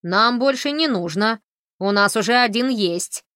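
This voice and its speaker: A woman's voice: on the high side, lively intonation, a little slow, a bit bright, clean tone, dry recording, studio quality, voice pushed up. A woman reading an audiobook, voicing a bossy, disapproving older woman who snipes at others. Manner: sniping, disapproving.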